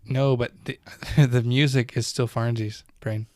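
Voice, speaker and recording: A man's voice: mid-range voice, steady tone, unhurried, a little mellow, no room sound, clean studio sound. A man co-hosting a podcast in casual, rambling chat, swearing freely. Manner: loose, profane and rambling. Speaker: podcast co-host. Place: home.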